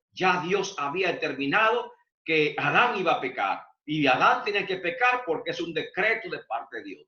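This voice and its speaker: A male pastor leads a Bible study, explaining step by step and dropping "amén" between phrases. His voice is bright and forceful, a little higher than most men's. The recording is roomy and dull, with a lo-fi edge. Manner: teaching, with frequent "amén" and self-corrections. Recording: echoey room, dull lo-fi sound.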